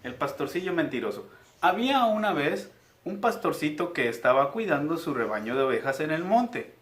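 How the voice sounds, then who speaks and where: A man's voice: on the high side, sing-song, normal speed, a bit bright. A male teacher, reading aloud to young pupils in a patient, guiding way. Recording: echoey room.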